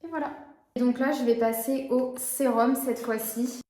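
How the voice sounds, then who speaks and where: A woman's voice: high-pitched, steady tone, normal speed, warm tone, roomy sound. A woman in her twenties chatting casually as a beauty vlogger, with frequent hesitations. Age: 20s. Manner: chatty, frequent "euh" fillers. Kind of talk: casual vlog chat.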